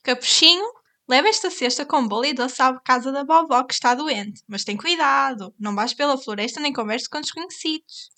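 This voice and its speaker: A caring storybook mother giving careful warnings in a high, bright voice, as a woman with a European Portuguese accent acts her out. Her tone is crisp and instructing. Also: brisk.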